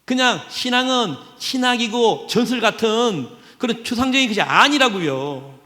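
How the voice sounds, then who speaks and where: A male pastor delivers a sermon in a church, his voice sitting noticeably high for a man. He talks conversationally and keeps checking in with the congregation, and the sound rings with a long reverb from the large sanctuary. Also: lively intonation, normal speed. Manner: conversational, pulls the congregation in with frequent tag questions; drops to a hushed, low voice when quoting scripture.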